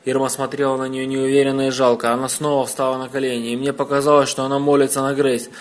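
A man reading a novel aloud as an audiobook narrator, steady and measured. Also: mid-range voice.

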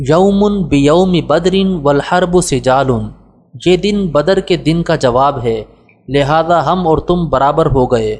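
Man reading aloud in a reverberant space. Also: fairly high pitch. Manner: measured, formal reading. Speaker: audiobook narrator. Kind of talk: reading a religious biography aloud. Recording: long reverb.

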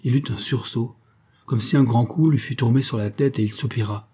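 A man narrating a classic novel as an audiobook in a measured, hushed storytelling manner. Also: mid-range voice, slightly rough.

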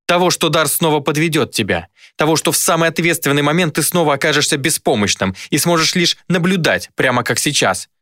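A man's voice: a little high, animated, sharp tone, no room sound, studio quality, voice pushed up. A man voicing a cruel, mocking female demon who taunts coldly. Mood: taunting. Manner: sneering, cold, unhurried taunts.

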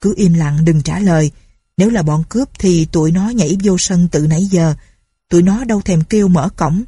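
A woman's voice: fairly low pitch, normal speed, dark tone, slightly rough, no echo, clean studio sound. A woman voicing a stern, wary older male landlord who gives curt orders. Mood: tense.

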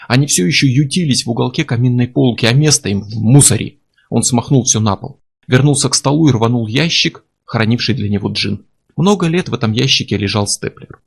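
A man narrating a novel in steady, low-key scripted narration with tense emphasis. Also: gravelly, slightly rough. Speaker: audiobook narrator.

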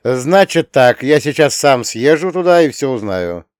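A man's voice: mid-range voice, big pitch swings, moderate pace, darkish tone, smooth, dry recording, clean studio sound, lightly acted. A man doing a resolute young son. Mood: decisive. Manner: decisive, blunt. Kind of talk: audiobook character voice.

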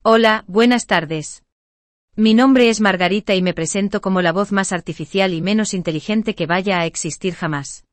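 A woman's voice: mid-range voice, no echo, close to an everyday voice. A woman voicing a cheerful, clueless artificial voice assistant in a comic radio sketch, introducing herself politely and mock-formally.

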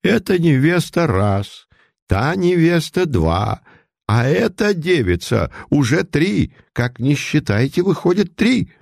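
A man's voice: a little high, very animated, takes it slowly, vocal fry, darkish tone, no echo, studio quality, voice pushed up, exaggerated voice. A man playing a trembling old village priest. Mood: trembling confusion. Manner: trembling, stammering, deferential. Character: elderly male priest, frightened and trembling.

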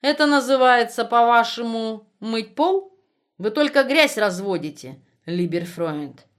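A woman's voice: on the high side, lively intonation, a little slow, pitched above the performer's own voice. A woman voicing an insolent, mocking barracks elder, a man. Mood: sneering. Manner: sneering, mocking.

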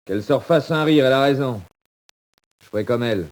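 An actor playing a proud, despairing condemned prisoner in a 1940s radio drama, speaking theatrically. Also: male voice, mid-range voice, fairly quick, lightly acted. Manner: theatrical, swinging from bitter murmurs to cries.

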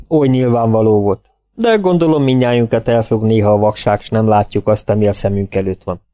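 A man reading an audiobook as narrator, in an expressive storytelling way. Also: medium pitch, no echo, clean studio sound. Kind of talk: scripted narration.

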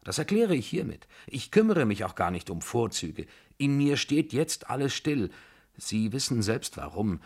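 A man's voice: medium pitch, big pitch swings, normal speed, breathy edge, pitched above the performer's own voice. A man voicing a lovesick young tutor who confesses in an agitated, pleading way in an audiobook. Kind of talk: audiobook dialogue.

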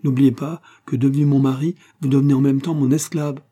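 Storybook lead: male reader playing a haughty, fiery young noblewoman, lifted and emotional, husky edge. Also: medium pitch, flat delivery, brisk, dark tone, voice pushed up, lightly acted. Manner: heightened, emotional delivery. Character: proud, impulsive young noblewoman.

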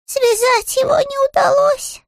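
A small, earnest bear cub speaks in a very high, thin voice, timid and apologetic, as a woman reading the storybook voices him. His lines sound plaintive and a little pitiful, and the recording is dry and close. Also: steady tone, a little slow, vocal fry, no room sound, exaggerated voice.

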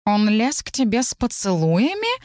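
A woman's voice: mid-range voice, normal speed, clear, resonant tone, dry recording, clean studio sound, close to an everyday voice. A woman voicing a fussy, theatrical male cat familiar. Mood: indignant. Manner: theatrical, wailing.

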